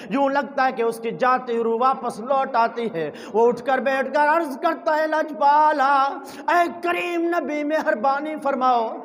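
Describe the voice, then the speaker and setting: A man preaching a sermon with passion, his voice climbing into shouts and chanted lines. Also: very high-pitched. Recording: long hall reverb.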